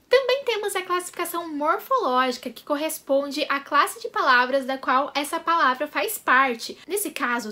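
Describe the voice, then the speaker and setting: High-voiced woman teaching literature. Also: a bit bright. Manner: clear, measured explanatory delivery. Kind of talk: scripted lesson narration.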